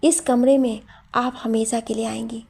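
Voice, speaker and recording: A gentle, affectionate husband and father, soft-spoken and unhurried, as a woman reading the story puts him on. The tone is warm and mellow, with a breathy edge. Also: a little high, fairly even intonation. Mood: tender. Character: adult man, tender loving father and husband. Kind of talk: storybook narration.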